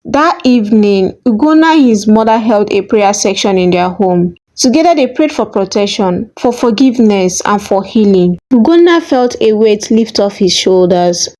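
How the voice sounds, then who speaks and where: A woman telling a village folktale in an even, measured, scripted narration. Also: medium pitch. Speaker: storyteller.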